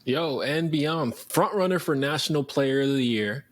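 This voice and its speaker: A man's voice: a little high, expressive, normal speed. Easygoing young man talking hoops. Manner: easygoing, laughs often, slangy. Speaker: podcast co-host. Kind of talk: casual sports chat.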